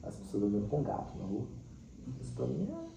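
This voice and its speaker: Warm and creaky, his mid-range voice swings hugely in pitch at a fairly quick pace. He's a teacher from Mato Grosso do Sul, Brazil, with a central-western accent, casually and expressively telling stories in an interview and throwing in acted quotes. The recording sounds roomy and distant, with faint noise behind.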